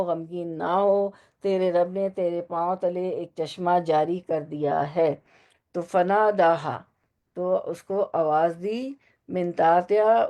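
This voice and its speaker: A woman's voice: mid-range voice, warm tone. Urdu-speaking woman teaching a Quran lesson. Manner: explains Arabic words slowly, asks listeners questions.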